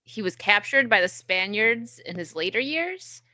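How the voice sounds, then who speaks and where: Bright-voiced woman on a podcast. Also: mid-range voice, lively intonation, a little slow, no echo. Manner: casual, filler-heavy, laughs along. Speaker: podcast co-host. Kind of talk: casual podcast chat.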